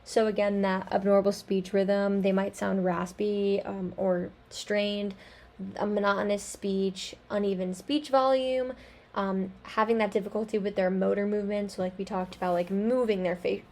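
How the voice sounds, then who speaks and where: A woman's voice: mid-range voice, flat delivery, normal speed, darkish tone. A young woman giving a class presentation, talking casually with frequent ums and likes. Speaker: student presenter.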